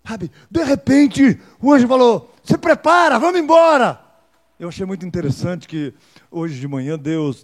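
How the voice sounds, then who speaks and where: A man preaching a sermon, telling a testimony with emphasis, swinging from soft to loud. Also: fairly high pitch.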